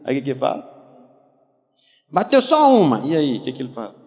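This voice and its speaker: A man preaching a lively sermon as pastor, telling anecdotes and acting out the voices in them. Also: mid-range voice, rapid-fire, big-room sound. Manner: animated storytelling, acts out voices, laughs.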